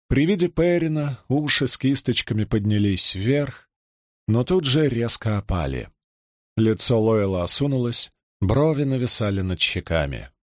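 Slow, measured male audiobook narrator. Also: mid-range voice, no room sound, studio quality. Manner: measured, even reading. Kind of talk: scripted narration.

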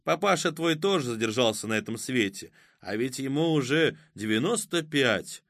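A man voicing a mocking, vengeful male villain in an audiobook, with a drawn-out, sneering delivery. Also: medium pitch, animated, fairly bright tone, dry recording, clean studio sound. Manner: sneering, taunting, drawn-out threats. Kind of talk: audiobook character voice.

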